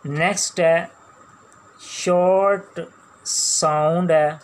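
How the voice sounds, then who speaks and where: Slow, patient Pakistani shorthand teacher, a man. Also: fairly high pitch, steady tone. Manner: slow, patient, repeats each sound and word. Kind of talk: classroom lecture while writing on a board.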